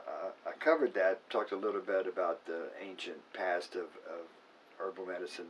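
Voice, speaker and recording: Man, very low voice, casual explainer, fillers and restarts, a bit off-mic, faint background hum. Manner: unscripted, self-correcting, with filler words. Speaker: acupuncturist. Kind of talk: casual educational talk. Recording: voice a bit far from the mic, faint room noise.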